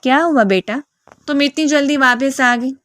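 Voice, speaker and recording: A protective former soldier speaks to his daughter with gentle concern in a storybook reading, voiced by a woman. The voice is a touch high and dry. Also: no room sound.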